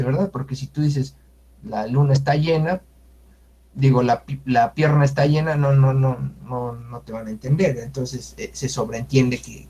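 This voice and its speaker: A man giving an informal language lesson, explaining unhurriedly with many fillers and sounding out words slowly. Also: mid-range voice, mellow. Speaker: Nahuatl language teacher. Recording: muffled lo-fi audio.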